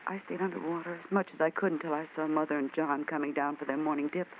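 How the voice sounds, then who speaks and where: In a tinny old radio recording with faint hiss, an actress plays a frightened young woman seeking a detective's help, sounding earnest and anxious in 1940s radio style. Her voice sits low with a level tone, and she speaks quickly.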